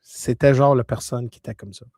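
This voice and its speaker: A man's voice: medium pitch, brisk, dry recording, studio quality. A man with a Québécois French accent telling a personal story in a casual, conversational way, often checking in with his listener. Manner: conversational, peppers talk with "là" and "tu comprends"; animated, shifting between loud bursts and hushed tones.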